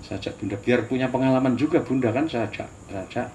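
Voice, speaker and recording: An older Indonesian man with a Javanese accent speaks in a mid-range, darkish voice at a quick pace, with a little hiss or hum. As a pastor giving a sermon-style lecture, he tells stories animatedly, adding asides and chuckles.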